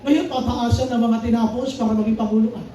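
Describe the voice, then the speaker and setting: A male pastor preaches in a high but mellow voice, moving between Tagalog and English as he reads the verses aloud. The sound is very echoey, picked up from across a church hall. Faint background noise runs underneath. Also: fairly even intonation, fast talker, recorded from a distance. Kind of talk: sermon.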